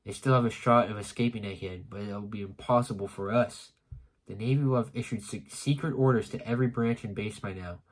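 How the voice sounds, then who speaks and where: A man reading a comic aloud for a casual reaction stream, in a steady, plain delivery. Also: fairly low pitch, a little fast.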